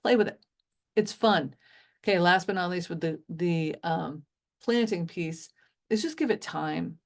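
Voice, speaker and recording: A woman's voice: fairly low pitch, a little slow, vocal fry. A woman giving an enthusiastic, chatty business talk over a video call, with lots of fillers and restarts. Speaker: business coach for bodywork practitioners.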